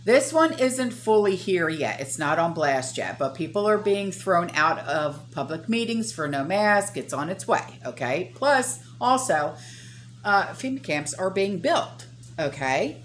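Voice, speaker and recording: A woman's voice: lowish voice, big pitch swings, measured pace, hardly any pauses, a little hiss or hum. A woman vlogging casually to her viewers, talking in a blunt, emphatic, folksy and sweary way. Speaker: vlogger addressing channel viewers. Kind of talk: casual opinionated vlog talk.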